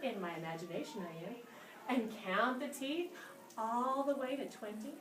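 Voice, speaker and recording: A woman's voice: fairly high pitch, normal speed. A woman playing the tooth fairy and telling a dramatic story to a school class, with squeals and cheers. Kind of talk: animated storytelling to children. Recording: roomy, distant with room noise.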